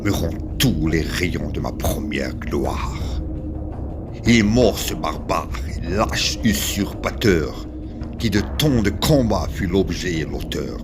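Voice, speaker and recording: A proud, grave warrior king, acted by a man, declaims classical tragedy in the grand stage manner. His voice is very low and he speaks very slowly, with solemn weight and long pauses. Music plays behind him. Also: expressive. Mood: solemn triumph. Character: proud victorious king and war leader, grave and lofty.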